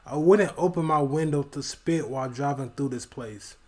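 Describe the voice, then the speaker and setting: A man's voice: a little high, normal speed, a little mellow. A man from California hosting a reaction video, talking back to the clip in a blunt, profane, casual way.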